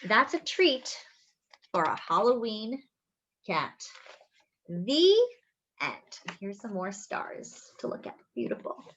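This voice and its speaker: During story time, a medium-pitched woman reads a picture book aloud to young children, sing-song and expressive, with drawn-out phrases plus little asides and questions. The highs are cut off, and there's slight background noise.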